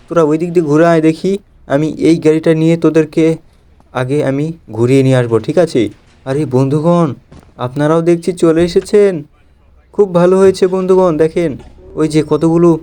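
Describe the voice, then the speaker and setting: A young man with a Bengali accent, chatting excitedly as a gameplay host talking to viewers. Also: fairly high pitch, brisk, clean tone. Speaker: gaming channel host. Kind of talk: playful gameplay commentary.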